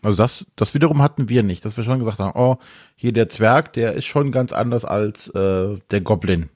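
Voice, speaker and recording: A man co-hosting a board game podcast, giving a hesitant, measured critique in casual chat. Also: lowish voice, darkish tone, no room sound, studio quality.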